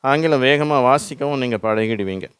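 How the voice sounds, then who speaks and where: A man's voice: mid-range voice, normal speed, fairly bright tone, clean tone. Patient Tamil-accented man teaching words. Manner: patient, repeats words for the listener to echo. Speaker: English teacher. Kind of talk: slow instructional explanation.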